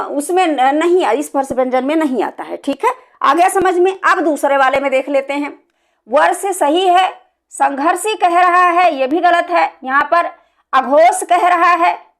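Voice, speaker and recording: A woman teaching a Hindi grammar lesson for exam preparation. She explains step by step and keeps repeating key terms with a checking "okay". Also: high voice.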